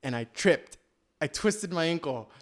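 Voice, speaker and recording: A man's voice: fairly high pitch, expressive, unhurried. A young man co-hosting a podcast, casually telling self-deprecating personal stories and often laughing as he talks. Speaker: podcast co-host. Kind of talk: casual chat, personal storytelling.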